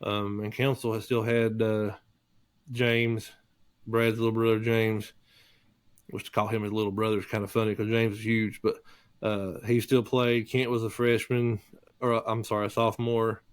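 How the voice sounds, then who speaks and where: A man's voice: on the low side, level tone, moderate pace, smooth, no room sound. A man reminiscing in a casual interview chat, rambling with fillers and self-corrections.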